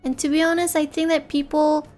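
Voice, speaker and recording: A VTuber in her thirties who speaks English and Malay natively chats late at night with her viewers, tired, her slightly high voice level and fairly quick. She rambles, reflects, and keeps rephrasing herself. Soft music plays faintly underneath.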